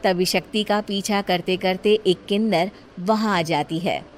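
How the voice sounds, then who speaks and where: A woman's voice: mid-range voice, measured pace, slight background noise. A woman reading scripted story narration as the storyteller. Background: music.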